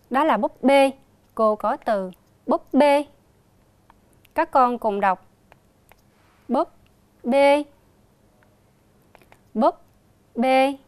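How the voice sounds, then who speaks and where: Slow, clear woman teaching first graders. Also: a little high, no echo. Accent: Southern Vietnamese. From southern Vietnam. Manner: spells out sounds with emphatic, drawn-out repetition. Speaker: primary school teacher. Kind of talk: slow, clearly enunciated reading lesson for young children. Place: recorded for a TV lesson.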